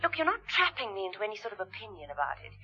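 An actress playing a cool, sharp-witted female investigator in an old radio drama, with an arch, dry, probing manner. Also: medium pitch, big pitch swings, rapid-fire, a crowd in the background, close to an everyday voice. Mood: wry, puzzled. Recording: dull vintage radio recording.

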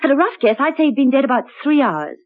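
An actress playing a witty, cool-headed female agent who banters crisply in a radio drama. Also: sits high, animated, quick pace. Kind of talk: 1960s radio drama acting. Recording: dull old radio recording.

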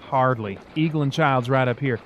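A man's voice: medium pitch, moderate pace, dull audio, slight background noise, lightly acted. A man playing an irreverent, flippant adventurer with mock-heroic bravado in an audio drama. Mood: wry relief. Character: wisecracking, irreverent Baptist soldier of fortune.

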